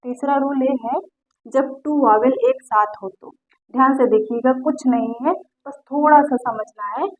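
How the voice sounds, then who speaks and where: A woman's voice: high-pitched, unhurried. A woman teaching a basic English grammar lesson in Hindi, repeating key phrases and checking that learners follow. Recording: tinny phone-like audio.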